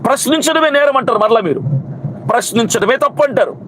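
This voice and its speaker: Fiery high-voiced man over traffic noise. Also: animated, quick pace. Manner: fiery, scolding, piles up repeated rhetorical questions. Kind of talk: impassioned protest speech to camera.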